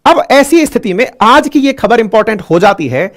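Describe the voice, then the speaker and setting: A man's voice: extremely high pitch, very animated, fairly quick, fairly bright tone. A young man teaching current affairs in a casual, talkative explainer style, addressing listeners as friends and mixing in English words.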